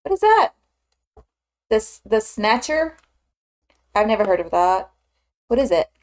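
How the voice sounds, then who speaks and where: A woman's voice: mid-range voice, sing-song, unhurried, darkish tone. A woman in her twenties from the American South, chatting casually as a streamer while she works, rambling with lots of filler words. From Southern United States. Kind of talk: casual chat while 3D modeling.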